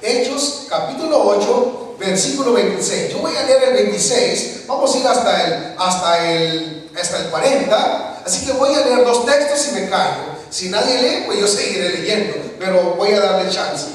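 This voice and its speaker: A man preaching a sermon, his voice pitched high as it moves between hushed storytelling and emphatic declarations. He is heard from a distance in a church sanctuary, and a long, roomy echo trails each phrase. The sound is that of a congregation recording made from the back of the hall. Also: lively intonation, normal speed. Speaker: pastor. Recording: echoey church hall, mic from far off.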